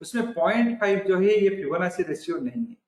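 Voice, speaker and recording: A man's voice: high-pitched, fairly quick, reverberant, rough recording. A man giving a recorded online trading lesson, explaining step by step and often restating his points. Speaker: trading instructor.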